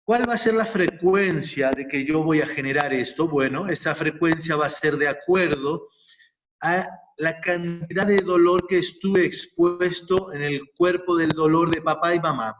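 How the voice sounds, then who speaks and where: A man's voice: on the high side, unhurried. A man speaking as a guest, explaining his ideas step by step and building them up in repeated lists. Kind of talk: reflective explanatory talk. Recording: distant, muffled mic with faint noise.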